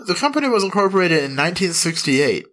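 A man's voice: sits high, sing-song, quick pace, fairly bright tone. A man hosting a comedic history podcast, mixing narration with playful, profane casual chat. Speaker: podcast host.

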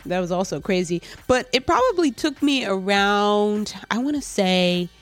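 A woman hosting a casual interview chat who talks in a relaxed, encouraging way and laughs easily. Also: medium pitch, unhurried. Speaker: host, teacher.

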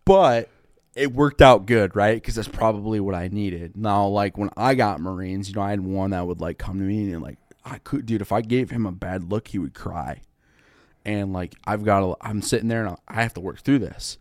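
A man's voice: fairly low pitch, moderate pace, a little mellow, no echo, studio quality. A man in his thirties, a podcast guest, telling stories in a laid-back way, full of "dude" and "like". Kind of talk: casual storytelling.

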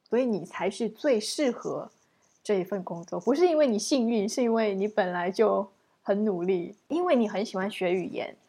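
A woman hosts a casual interview. Her pitch sits in the middle and her tone is a bit rough-edged rather than clean. She speaks in an encouraging, conversational manner. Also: moderate pace, warm tone.

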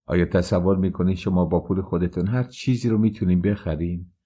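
A man reading aloud plays a proud young actress who speaks her mind with open scorn. The voice stays low and mellow, a storybook heroine who will not be bought. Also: expressive. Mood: proud, scornful. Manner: scornful, frank.

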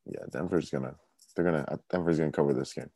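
An easygoing male co-host who mostly chimes in with short agreeing replies. His voice is extremely deep and dark, recorded dry and close. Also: fast talker, husky, no echo. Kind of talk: casual sports chat.

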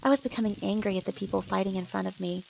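A woman's voice: medium pitch, level tone, fast talker, gravelly, a little mellow, slight background noise, low-quality recording. A woman reading a first-person story aloud and speaking the characters' lines in nearly her own voice. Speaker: narrator.

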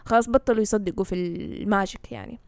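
Fast-talking Saudi woman mixing Arabic and English. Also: mid-range voice, gravelly, a little mellow, no echo. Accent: Saudi Hejazi Arabic. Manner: mixes English words into Arabic. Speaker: knowledgeable guest explaining fantasy lore. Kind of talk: casual conversational explaining.

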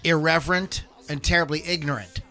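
A man's voice: on the high side, fairly even intonation, a little fast, pushed and bright. A man hosting a podcast in an informal, rambling, chatty way with music playing behind him. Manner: informal, rambling, self-deprecating. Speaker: podcast host. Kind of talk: casual podcast chat. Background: background music.

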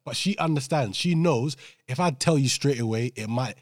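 A man's voice: medium pitch, normal speed, dry recording, studio quality. A young man with an urban London accent, arguing his case casually among friends, repeating himself and checking that they follow. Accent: London, urban slang.

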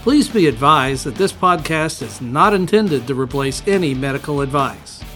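A man reading a formal podcast intro and disclaimer in a measured, scripted way. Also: mid-range voice, expressive. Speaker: podcast announcer. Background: soft guitar music.

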